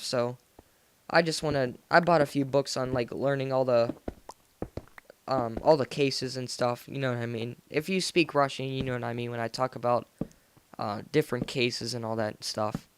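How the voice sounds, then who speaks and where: Over slight background noise, a mid-range-voiced teenage boy from the US narrates his gaming video. The casual game commentary wanders along in informal slang, voiced indoors after the gameplay was recorded.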